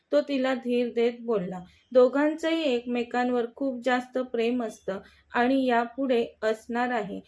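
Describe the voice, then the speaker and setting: A woman narrating a romantic short story in a calm, measured reading voice. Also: on the high side.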